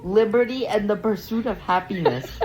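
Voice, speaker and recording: A woman's voice: mid-range voice, normal speed, music in the background, rough recording. A woman playing a finish-the-sentence game, giggling and blurting out guesses. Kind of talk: casual party game.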